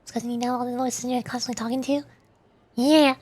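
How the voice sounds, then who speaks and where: A woman streamer and voice performer chats playfully and cutely with viewers during a casual livestream, answering their questions. Her voice is slightly high, steady, darkish and a bit rough, fairly quick, with no echo.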